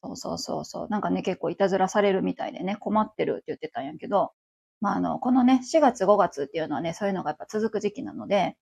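A woman's voice: medium pitch, fast, creaky, warm tone, husky. A woman around forty with a Kansai accent, chatting on her own as host of a livestream radio show, rambling along with many fillers. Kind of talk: casual solo chat.

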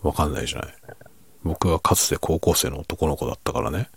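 A middle-aged man in a quiet, rambling, self-deprecating late-night monologue meant for falling asleep, in a hushed voice that often drops toward a whisper. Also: a bass voice, brisk, creaky, slightly rough, no echo. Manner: self-deprecating, rambling, chuckling under his breath. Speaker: fiction writer chatting to listeners.

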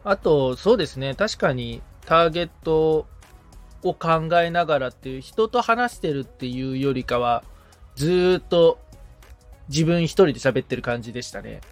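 A man plays a podcast assistant in casual conversation, agreeable and reflective as he takes advice and offers frequent listening responses. His voice is on the high side with lively intonation and a normal pace, and soft music plays in the background.

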